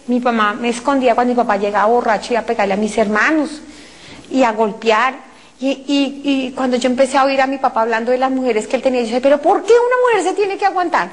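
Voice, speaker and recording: High-pitched Colombian woman preacher, emotional testimony, cries out her pleas. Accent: Colombian Spanish. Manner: addresses listeners as brothers. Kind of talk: impassioned testimony talk.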